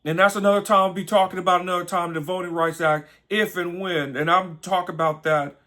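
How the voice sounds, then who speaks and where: A man's voice: high voice, fairly even intonation, fairly quick, sharp tone. A man co-hosting a casual talk show, earnest and explaining things with everyday examples. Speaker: co-host. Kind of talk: casual conversational commentary.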